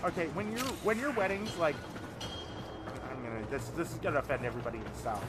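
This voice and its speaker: A male streamer talking over his game in a lively, swinging voice that sits a little high for a man. He swears freely and jumps into quick acted-out quotes. Game music plays loudly underneath him the whole time. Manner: animated, profane, acts out quotes. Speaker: streamer host. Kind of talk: casual chat while gaming.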